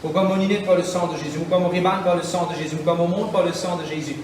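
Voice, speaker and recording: A man preaching a sermon as pastor, with impassioned, repetitive phrasing and shouted bursts. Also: high-pitched, steady tone, racing, a little hiss or hum. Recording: echoey hall, mic from far off.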